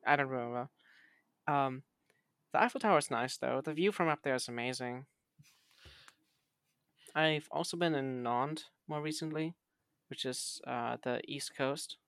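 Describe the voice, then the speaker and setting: A woman's voice: rumbling low, unhurried, pauses often, dry recording. A woman talks in an informal, conversational podcast style. She is playful and teases dryly. The recording is dry and close, with hardly any room around the voice. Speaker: podcast co-host. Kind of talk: casual chat.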